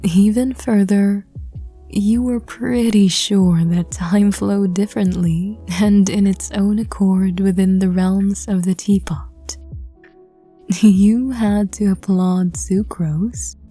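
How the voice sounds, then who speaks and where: A woman narrating in a hushed, breathy, intimate whispered role-play, addressing the listener directly. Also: mid-range voice, steady tone, takes it slowly, soft background music. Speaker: audio drama reader.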